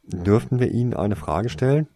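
A man voicing a calm, easygoing young wizard boy with a dry manner. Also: medium pitch, normal speed, a little hiss or hum, voice pushed up, natural voice. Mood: polite. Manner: relaxed, dry.

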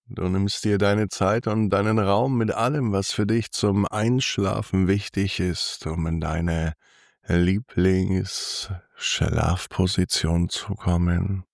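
Man, sleep meditation guide, soothing and hushed, very unhurried, low creaky voice, long pauses. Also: steady tone, no echo, clean studio sound. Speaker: sleep podcast host and guide.

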